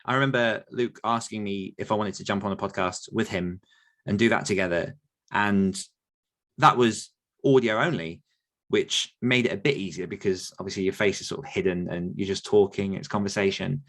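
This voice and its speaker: A man in his thirties, a podcast host and author, answers listener questions about his writing career in casual conversation. His voice is on the low side and a bit bright, at a normal pace, and he rambles a little with frequent restarts and self-deprecating laughs.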